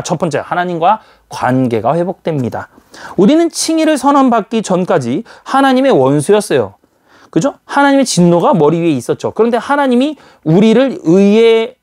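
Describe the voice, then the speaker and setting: A man preaching a sermon in an emphatic way, firing rhetorical questions at his listeners. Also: high-pitched. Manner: animated, emphatic, full of rhetorical questions to the audience.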